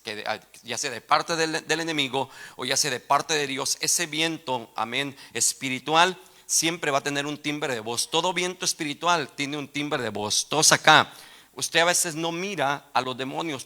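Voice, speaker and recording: A male pastor preaching a sermon in a church, with a bright, forceful voice at an ordinary middle pitch. He keeps calling for amens and asks his congregation questions. His delivery swings from quiet, explanatory teaching up to loud, impassioned declarations. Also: normal speed. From Texas. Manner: builds from quiet teaching to loud fervent exclamations. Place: church sanctuary.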